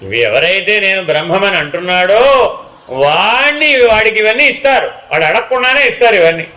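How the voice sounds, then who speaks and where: A man's voice: high-pitched, animated, moderate pace, sharp tone, rough recording. A man giving a spiritual discourse, often asking his listeners questions and acting out small dialogues. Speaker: spiritual teacher.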